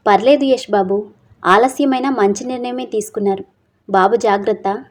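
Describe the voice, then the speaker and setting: A woman voicing a kind, patient older woman who runs an orphanage and speaks in a soft, coaxing tone. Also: medium pitch, normal speed, close to an everyday voice. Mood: gentle.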